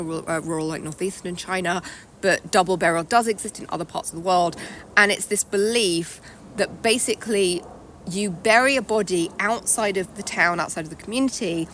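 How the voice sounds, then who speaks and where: A woman's voice: medium pitch, fairly bright tone, a little hiss or hum. A woman author, out of breath while walking outdoors, explaining her ideas in a thoughtful, chatty way. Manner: thoughtful, explanatory, quick to laugh. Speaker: author guest. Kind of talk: casual interview walking outdoors. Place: outdoors in a cemetery, traffic nearby.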